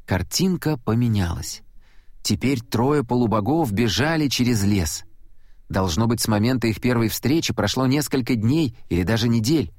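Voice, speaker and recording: A man reads a story aloud in the first person with an even, steady delivery. His voice sits at a middle pitch and is recorded close and dry. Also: moderate pace, no echo. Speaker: audiobook narrator. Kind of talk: first-person audiobook narration.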